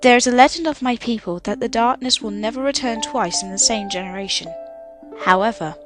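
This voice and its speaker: A woman's voice: on the high side, a little fast, lightly acted. A woman playing a gracious, resolute young princess in an amateur fantasy radio play, speaking formally and earnestly. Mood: solemn, explaining. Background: loud music.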